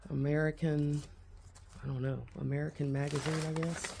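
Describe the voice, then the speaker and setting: Man, gravelly, slow-talking, amazed explorer, handheld camera mic, faint hiss. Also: on the high side, flat delivery, dark tone. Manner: amazed, exclaiming often. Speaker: urban explorer vlogger. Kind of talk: walkthrough narration of an abandoned house. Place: inside a derelict house.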